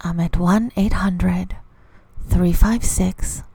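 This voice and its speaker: Slow husky intimate woman. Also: on the low side, steady tone, warm tone, dry recording. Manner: intimate, slow, drifting into whispers. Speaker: advertiser. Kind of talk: recorded phone-line ad.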